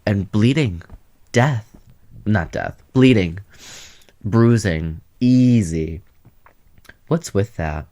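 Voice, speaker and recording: A man's voice: on the low side, animated, drawn-out words, long pauses, dark tone. Sassy young man rambling to camera. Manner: chatty, sassy, jumps between topics. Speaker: vlogger. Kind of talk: casual rambling vlog chat.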